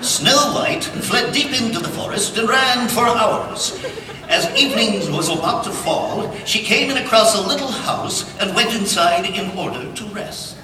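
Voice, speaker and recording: A voice actor with a high, expressive voice cold-reads a storybook script as narrator at a panel, playful and theatrical at a measured pace. He's recorded from far off in a large, echoey convention hall, with a noisy crowd and room noise around him.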